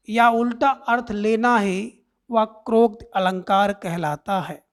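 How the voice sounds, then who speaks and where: A woman teacher explaining a grammar lesson slowly and deliberately, reciting verse examples. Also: on the high side, no room sound, studio quality.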